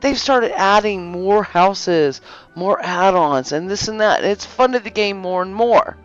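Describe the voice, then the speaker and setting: Speaking a little slowly at a medium pitch, a woman hosts a game guide video, talking through the gameplay in a casual, meandering way. Fillers crop up constantly and she keeps correcting herself, all captured on a slightly dull lo-fi recording with faint music.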